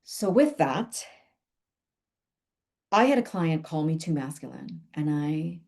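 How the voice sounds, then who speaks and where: A woman coach in her forties speaks to her students at an unhurried pace. Her voice sits a little low, and she muses aloud, laughing often and sometimes dropping to a hush. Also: expressive, vocal fry. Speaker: business coach teaching her school. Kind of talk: reflective teaching talk.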